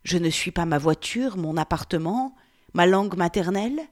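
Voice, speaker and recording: A woman reading the part of a 47-year-old Frenchman, reciting in a slow, hushed, meditative way. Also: fairly low pitch, expressive, natural voice. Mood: contemplative. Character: 47-year-old French man, pondering who he is. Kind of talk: reading a novel aloud.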